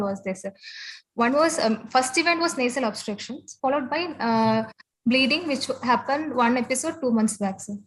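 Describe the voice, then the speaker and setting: A young woman with a fairly high voice works through her case presentation, hesitating and answering every point with "yes, sir". Faint noise sits under her voice. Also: poor audio. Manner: deferential, hesitant, says "yes, sir" constantly. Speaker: student.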